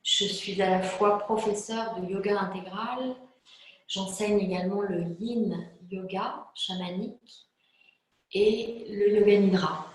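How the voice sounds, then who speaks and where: A woman yoga teacher calmly explaining a guided relaxation method, pausing often with hesitant fillers. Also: mid-range voice, a little hiss or hum. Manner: calm, slow, hesitant with frequent fillers. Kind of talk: spoken yoga class introduction. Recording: very echoey room.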